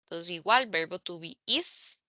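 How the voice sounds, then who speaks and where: A woman teaching English grammar in an online class, speaking slowly and carefully, spelling out letters and repeating examples. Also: on the low side, animated, pushed and bright, no room sound. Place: online meeting recording.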